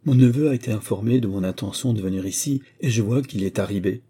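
A man voicing a generous wealthy older gentleman in an audiobook, speaking in a gracious, measured way. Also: on the low side, husky. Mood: formal.

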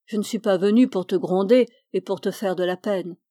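Devout old captain, earnest and mellow, read by a woman. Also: mid-range voice, moderate pace, dry recording, studio quality, natural voice. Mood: pleading. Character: old male retired captain, devout and stern.

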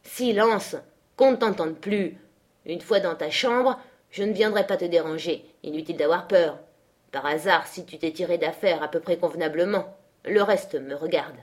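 Harsh, commanding jailer from a storybook reading, slow and loud, put on by a woman narrator. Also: on the low side, close to an everyday voice. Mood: gruff commanding. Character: harsh scheming middle-aged man, cold jailer.

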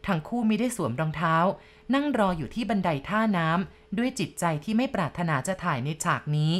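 A woman narrating a ghost story in a measured, steady reading voice. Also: lowish voice.

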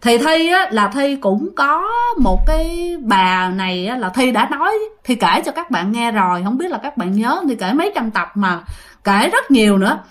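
A ghost story host with a Southern Vietnamese accent speaks at normal speed, her fairly high voice full of lively intonation. She keeps the storytelling casual and chatty, repeating phrases and talking right to her audience.

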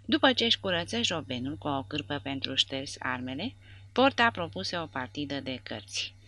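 A woman narrating an audiobook in a measured, even reading. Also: deep voice.

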